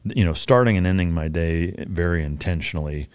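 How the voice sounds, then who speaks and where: Very deep male podcast host, laid-back and blunt, dry close sound. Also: brisk, a little mellow, clean tone, no room sound. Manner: laid-back, frequent fillers, blunt and profane. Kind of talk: casual interview chat.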